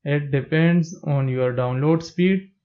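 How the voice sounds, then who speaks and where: A man with a slightly raised pitch gives calm, step-by-step instructions in a plain, steady tone. His voice-over is recorded with a dull, lo-fi sound. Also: slow. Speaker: tech tutorial narrator. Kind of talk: scripted step-by-step narration.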